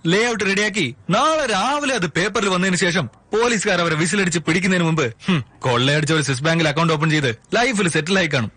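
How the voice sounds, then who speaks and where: A man voicing a young press photographer in a dubbed film, talking in a quick, pleading and animated way. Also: high voice, slightly rough, dry recording, heavily acted. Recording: film soundtrack with loud music and crowd.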